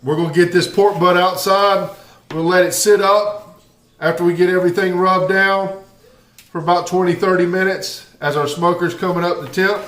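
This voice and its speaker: A man with a Southern American accent, from the Southern United States, hosts a barbecue channel and runs a casual home tutorial, moving from his kitchen out to the grill area. His voice is high-pitched and a bit bright, with fairly even intonation and a normal speed, and the sound is roomy. He comes across as easygoing and folksy, talking straight to viewers.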